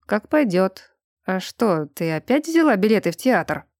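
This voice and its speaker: A woman voicing a gruff, blunt shifter man. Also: medium pitch, very animated, a little slow, darkish tone, no room sound, clean studio sound. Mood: matter-of-fact. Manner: curt, grumbling.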